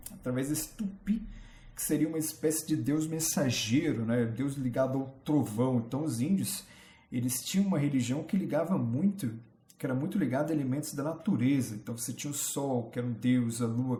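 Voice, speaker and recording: A man with a Brazilian Portuguese accent teaching a casual history lesson, chatty and full of rhetorical questions, pausing to admire his slides. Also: medium pitch, warm tone. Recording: roomy echo.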